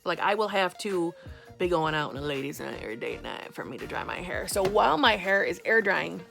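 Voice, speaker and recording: Woman vlogger, New York accent, gravelly fry, sarcastic and blunt, faint music under her. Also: on the low side, lively intonation, a little fast. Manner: blunt, sarcastic, swears casually. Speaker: beauty vlogger. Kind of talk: casual chat to camera. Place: home, indoors.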